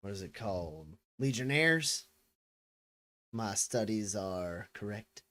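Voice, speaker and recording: A man playing a folksy, world-weary, shrewd frontier character in a tabletop role-play, musing with pauses. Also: on the low side, expressive, fairly bright tone. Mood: wry, probing. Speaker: tabletop role-play player or game master.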